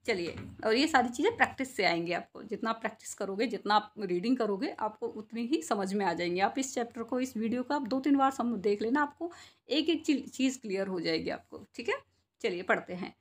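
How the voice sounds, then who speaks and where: Young woman teacher, higher voice, drags out each syllable for little kids, keeps asking "clear?". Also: animated. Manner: slow, drawn-out syllables when sounding out words; asks and answers her own questions, checks "clear?". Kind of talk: Hindi reading and spelling lesson for children.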